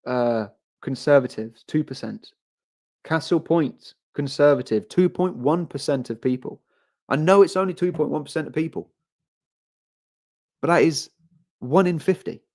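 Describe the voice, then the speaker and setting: A man with a slightly high, slightly mellow voice hosts a live stream. He rambles through casual commentary and reads viewer comments aloud, repeating phrases and often restarting.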